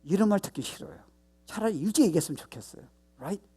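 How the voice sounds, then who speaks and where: Husky-voiced preacher with loud stresses. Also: male voice, lively intonation, quick pace. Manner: emphatic, mixes English phrases into his Korean; swings between loud stress and low, soft asides. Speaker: pastor. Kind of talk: sermon.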